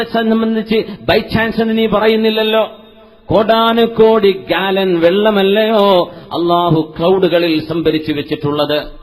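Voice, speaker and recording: A man preaching a sermon, asking the audience many rhetorical questions and chanting Arabic verses in a slow, melodic recitation. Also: high-pitched. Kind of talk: Islamic sermon.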